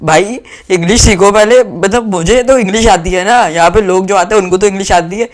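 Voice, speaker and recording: A young man from Pakistan, telling a travel story to camera in a rambling, animated way with lots of fillers. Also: high voice, brisk.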